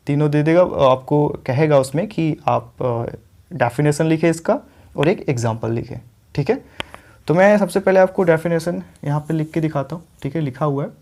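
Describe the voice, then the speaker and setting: A man teaching an English lesson, explaining pronunciation step by step and repeating each word slowly for his viewers. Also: on the high side, darkish tone. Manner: often adds "ठीक है" and addresses viewers as friends.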